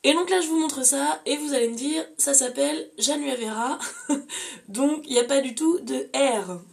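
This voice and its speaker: A woman's voice: high-pitched, normal speed, creaky. A young woman chatting casually to camera as a book vlogger, listing the books she has read with frequent fillers. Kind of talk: casual reading-challenge vlog.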